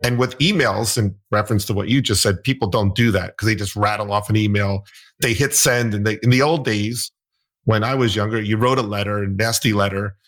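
A middle-aged male host explains his points in a calm, steady way. His voice is low and a little husky, and he speaks in an easy conversational tone. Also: fairly quick. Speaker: physician podcast host. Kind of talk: casual interview chat.

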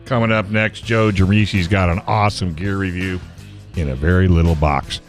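A man's voice: deep voice, steady tone, normal speed, faint music behind. A man hosting a talk radio show, moving between banter and announcements.

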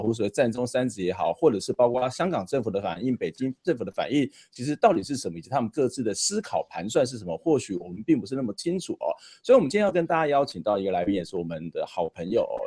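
Male host, Taiwanese Mandarin accent. Quick delivery with lively inflection, for conversational current affairs. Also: fairly low pitch, husky. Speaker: talk show host.

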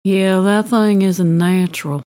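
Woman doing a slow, sleepy male house pet. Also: medium pitch, steady tone, warm tone, close to an everyday voice. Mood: drowsy. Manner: slow, drowsy drawl.

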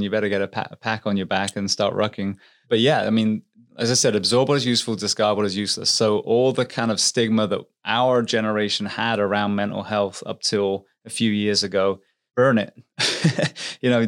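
Earnest English man, low voice. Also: a bit bright. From England. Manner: earnest, reflective, advice-giving. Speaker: podcast guest, firefighter and author. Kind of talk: conversational interview.

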